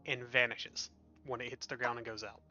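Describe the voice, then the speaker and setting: A man with a bright, forward voice narrates a tabletop game as game master, laying out what characters do plainly. The audio is slightly muffled, with faint music underneath. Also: medium pitch, flat delivery, moderate pace. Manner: descriptive, matter-of-fact narration.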